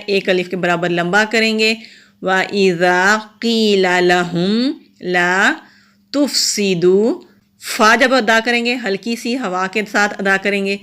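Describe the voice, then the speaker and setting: A woman teaches recitation rules in a patient, methodical way. She goes through each letter and mark one at a time in an even, mid-pitched voice. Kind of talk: step-by-step tajweed lesson.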